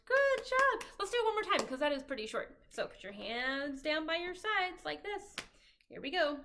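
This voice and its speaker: A woman leading a children's storytime, reading a picture book aloud in a cheerful, animated way. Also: high voice, moderate pace, slight background noise. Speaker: children's librarian.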